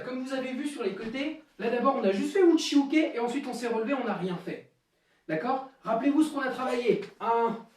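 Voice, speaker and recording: A man's voice: very high-pitched, darkish tone. A man teaching a karate class to children, calling counts in Japanese and guiding each move step by step, recorded live on a camera across the room. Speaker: karate instructor. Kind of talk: live online class instruction. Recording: very echoey room, from far off.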